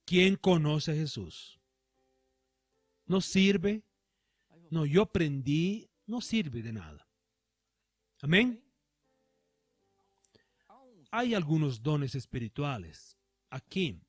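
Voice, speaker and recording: Pastor, male, high voice, dry close sound, faint music behind. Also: very animated, no room sound. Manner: emphatic preaching with slow stressed phrases. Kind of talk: sermon. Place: church.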